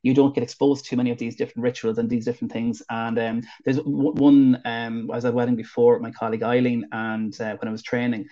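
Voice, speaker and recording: Irish man, wedding celebrant, rapid chatty talk, muffled lo-fi sound. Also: mid-range voice, little pitch movement, mellow. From northwest of Ireland. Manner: chatty, quick, with many fillers and restarts. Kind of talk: casual interview chat. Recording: dull lo-fi audio.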